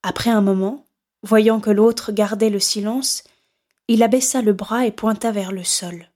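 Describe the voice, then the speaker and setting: A woman reading a horror novel aloud in steady, measured scripted narration. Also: mid-range voice. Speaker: audiobook narrator.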